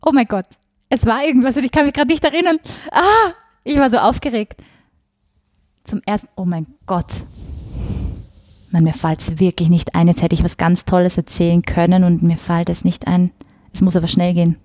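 A woman with a Viennese accent, a cabaret artist talking as a guest in a casual interview, lively, laughing often and searching for her words. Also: on the low side, normal speed, dry recording, clean studio sound. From Austria.

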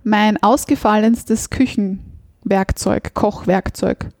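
A woman hosting an interview, asking her guest questions in a measured, articulate way. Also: medium pitch, fairly even intonation, a little mellow, no room sound, clean studio sound. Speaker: interview host.

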